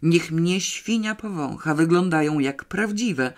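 Brief: gullible, admiring male expert, bright eager tone, read by a narrator. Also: fairly high pitch, expressive, a little slow. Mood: awed. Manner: muttering, then awed. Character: enthusiastic male fishing-industry expert, gullible.

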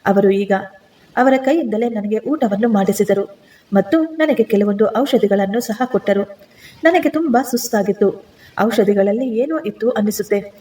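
A woman narrating a dramatic family story in the first person, in a steady, earnest manner. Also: medium pitch, moderate pace.

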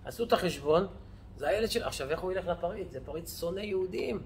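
A male rabbi telling stories in a lesson, lively, acting out the characters' voices. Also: high-pitched, a little hiss or hum. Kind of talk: storytelling lesson.

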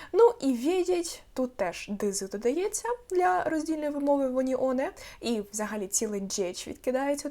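Female language teacher, slightly high voice, patient step-by-step explainer. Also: darkish tone. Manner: explains patiently, sounds out words slowly with stress. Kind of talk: online language lesson.

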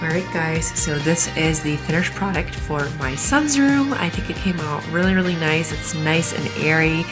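Woman, 30s, deep-ish voice, casual practical cleaning narration, light music bed. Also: normal speed, few pauses. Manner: chatty, practical, relaxed explaining. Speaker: cleaning vlogger.

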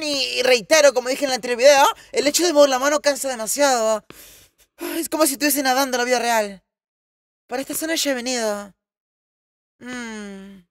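A man giving casual, excitable commentary while playing a VR game, laughing often and shouting at the game. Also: very high voice, no echo, studio quality. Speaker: gamer.

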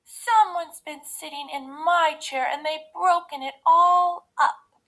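A woman's voice: extremely high pitch, fairly even intonation, slow, a bit bright, pitched above the performer's own voice, exaggerated voice, low-quality recording. A woman voicing a small, aggrieved baby bear in a storybook, squealing and wailing.

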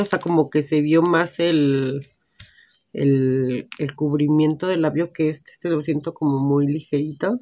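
A woman's voice: low-pitched, warm tone. A woman with a Mexican accent, chatting casually and thinking aloud while she tries on lipsticks at home. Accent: Mexican Spanish. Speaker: beauty vlogger. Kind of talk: casual lipstick try-on vlog. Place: indoors at home, natural light.

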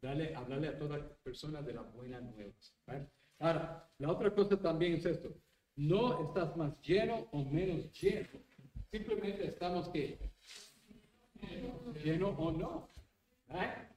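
Animated pastor, roomy distant church sound. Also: male voice, fairly high pitch, a little slow. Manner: animated, mixes English words into Spanish, tag questions. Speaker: pastor leading Bible study. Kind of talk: Bible study teaching.

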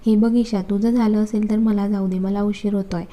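A woman's voice: medium pitch, level tone, normal speed, dark tone, natural voice. A woman voicing a stern, busy young husband who talks in curt, scolding lines in a storybook reading.

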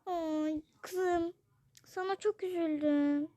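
A child voicing a gentle, worried mother who comforts her daughter in a toy role-play. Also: extremely high pitch, steady tone, takes it slowly, dry recording. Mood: soothing. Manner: soft and soothing, often hushed.

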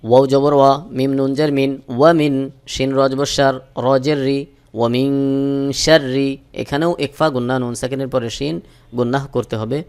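A man teaching Quran recitation, spelling out each letter slowly and then chanting the verses in long drawn-out tones. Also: mid-range voice, level tone, a little mellow, clear, resonant tone.

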